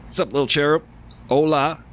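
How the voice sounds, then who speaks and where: A man's voice: on the high side, steady tone, fairly quick, a bit bright. A man co-hosting a casual podcast chat, talking animatedly, laughing often and acting out what others said. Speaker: podcast co-host.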